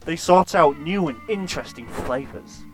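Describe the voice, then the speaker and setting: Male narrator, deadpan and crude, slightly high voice, soft music underneath. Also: moderate pace. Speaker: storyteller. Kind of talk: absurd comic story narration.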